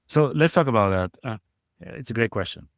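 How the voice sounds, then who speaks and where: Here the Bulgarian-accented portfolio manager, a middle-aged guest in a conversational interview, has a mid-range, gravelly voice and sounds animated at a normal speed. He leans on emphasis and repeats words to drive points home, captured in a dry, studio-quality recording.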